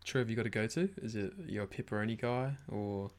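A man's voice: fairly low pitch, quick pace, darkish tone, a little hiss or hum. A young man with a broad New Zealand accent hosting a casual interview in a matey, slangy way. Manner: matey, slangy, peppered with bro. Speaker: interview host. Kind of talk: casual chat.

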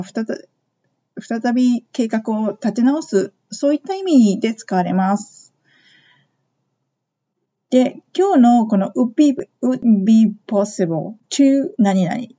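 A woman with a fairly high but mellow voice teaches English phrases in a podcast lesson. She explains slowly and models each phrase for listeners to repeat. The recording sounds a little dull and lo-fi.

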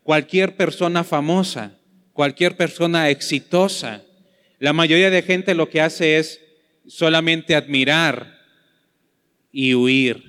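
A Mexican man preaching in an unhurried, deliberate cadence, his voice sitting a little higher than most men's. He speaks with earnest conviction and slips into short acted quotes. The sound carries a long reverb, as if in a large church hall. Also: a bit bright, clean tone. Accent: Mexican Spanish. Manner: slow, earnest preaching, acting out quoted excuses. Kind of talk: sermon.

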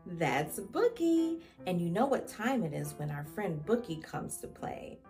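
A woman hosting a preschool lesson for young children in an encouraging, sing-song kindergarten teacher voice, asking simple questions and pausing for answers. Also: fairly low pitch, big pitch swings, gravelly, darkish tone, faint music behind. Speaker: children's show host.

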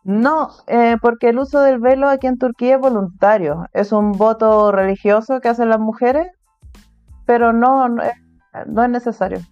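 A woman's voice: on the high side, fairly even intonation, moderate pace, smooth, no room sound, lo-fi sound, soft background music. A woman from Chile with a Chilean Spanish accent, an artist being interviewed in a casual, chatty way. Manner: casual, chatty, laughs between points. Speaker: interviewee, artist living abroad. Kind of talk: remote interview conversation.

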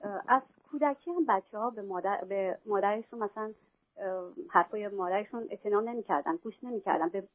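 Hesitant woman caller on a phone line. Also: medium pitch. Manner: hesitant, with fillers. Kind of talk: phone-in question.

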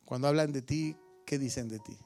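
Preaching at a slightly quick clip, this middle-aged pastor with a Mexican accent has a medium-pitched, warm voice with vocal fry. Faint music sits behind him as he quizzes his church and teases members by name.

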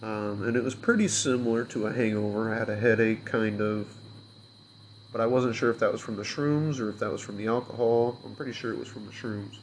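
A man's voice: on the low side, brisk, a little hiss or hum. A young man in a casual, rambling rant, hungover and unwell, swearing and frustrated, with many fillers.

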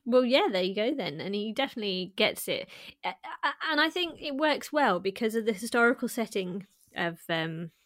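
A woman's voice: medium pitch, very animated, normal speed, few pauses, a bit bright, dry recording, studio quality. A woman chatting informally as a film podcast co-host, feeling her way through her opinions. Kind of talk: casual film chat.

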